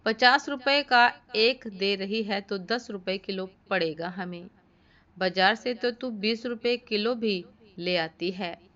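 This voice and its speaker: A woman voicing a calm, kindly middle-aged husband who reasons mildly, in a storybook reading. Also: medium pitch, slow. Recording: dull lo-fi recording.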